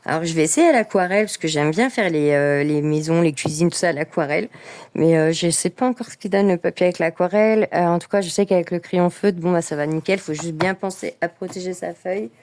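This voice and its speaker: A woman talks through her coloring books in a relaxed vlog. Her voice sits on the lower side for a woman. She is chatty and enthusiastic, with plenty of fillers and restarts. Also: brisk. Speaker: coloring book vlogger. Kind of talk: casual vlog chat.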